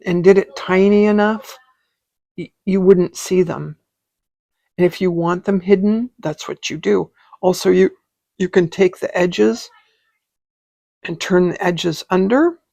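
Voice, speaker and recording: A woman's voice: lowish voice, gravelly, a little mellow, dry recording. A woman teaching a casual craft tutorial, chatty and rambling as she thinks aloud. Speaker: stitching teacher.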